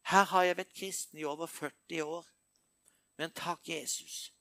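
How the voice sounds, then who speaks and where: An older man preaching a sermon, moving between hushed, intimate passages and emphatic bursts. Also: on the high side, fairly even intonation, no room sound, clean studio sound.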